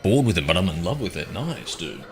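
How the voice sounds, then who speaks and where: A man's voice: low-pitched, very animated, a little fast, faint music behind. A man, a game streamer chatting casually and bantering with his chat as he reads it aloud. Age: 30s.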